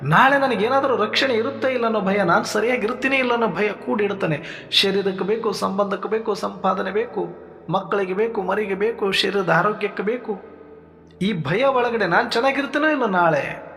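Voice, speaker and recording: A man giving a sermon in a measured teaching manner, asking rhetorical questions and listing points for his listeners. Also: high voice, gravelly, fairly bright tone. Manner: rhetorical questions, lists, addresses listeners as brothers. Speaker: spiritual speaker. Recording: long hall reverb with faint music.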